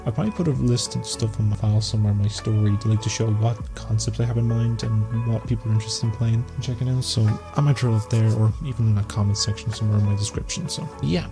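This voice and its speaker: Fast and steady, with barely a pause, a lowish-voiced man hosts an entertainment news video series. He delivers casual, rambling, vlog-like film news commentary, with music running under his voice.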